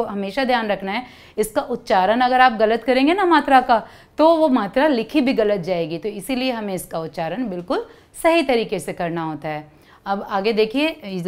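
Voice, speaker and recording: A woman's voice: medium pitch, smooth. A woman teaching a lesson to young children, explaining patiently step by step, drawing out sounds and asking the kids to repeat after her. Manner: stretches syllables and asks kids to repeat.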